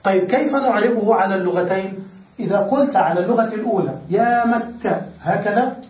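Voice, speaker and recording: High-voiced man teaching grammar, distant. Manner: asks students questions and repeats examples slowly. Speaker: sheikh teaching Arabic grammar. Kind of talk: classroom grammar lesson. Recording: roomy, distant, dull lo-fi recording.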